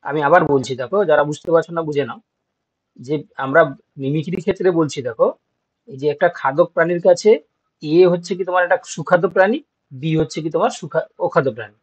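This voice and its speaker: A man's voice: a little high, quick pace, husky. Man teaching a class, dull recording. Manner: explains step by step, asks checking questions. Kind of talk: exam-prep class lecture.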